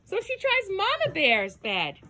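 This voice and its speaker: A woman tells a children's storybook tale with dramatic exclamations and gasps. Her voice is high and swoops widely, and she takes her time. The tone is bright and clear. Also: huge pitch swings, measured pace. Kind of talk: animated storybook narration for children.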